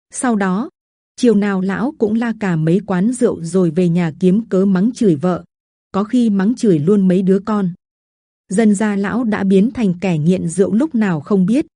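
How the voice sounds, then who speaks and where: Woman, storyteller, scripted narration, steady reading, mellow warm tone, dry close recording. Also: mid-range voice, no echo.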